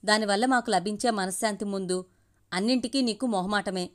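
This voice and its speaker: A woman reading the lines of a caring elderly mother in a family story, gently scolding. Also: a little high, moderate pace, close to an everyday voice.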